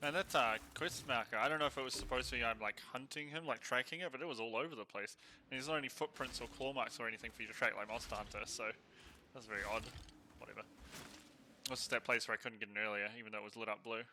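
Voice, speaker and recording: A man's voice: medium pitch, fast, bright, forceful tone, slight background noise. A man streaming a video game live, chatting and thinking aloud with goofy exclamations. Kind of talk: live gameplay commentary.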